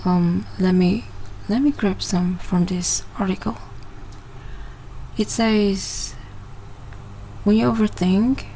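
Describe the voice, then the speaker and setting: Hosting her own casual podcast, a woman in her twenties from Malaysia frequently hesitates and starts her phrases over. She has a mellow, fairly low voice, and the poor audio carries slight background noise.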